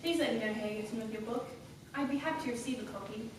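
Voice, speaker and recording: Here a young adult student actor delivers a monologue as a cold, self-possessed schemer, her pitch somewhat high and close to an everyday voice. The mood is cool and confiding, the style formal, deliberate and theatrical, performed in front of her class. The mic sits far off in a very reverberant room where background noise is clearly audible.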